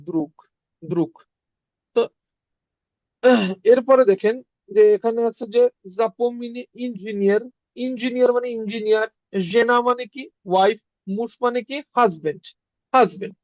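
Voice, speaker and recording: A man's voice: very high voice, normal speed, a little mellow, no echo, lo-fi sound. A man teaching a casual online language class, patiently repeating words for his students.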